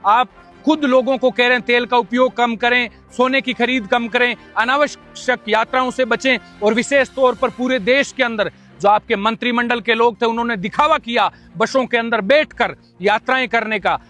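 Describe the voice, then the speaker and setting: High-voiced, forceful man, declamatory. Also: steady tone, moderate pace, faint music behind. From Bikaner area, Rajasthan, India. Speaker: local political activist. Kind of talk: impassioned political video statement.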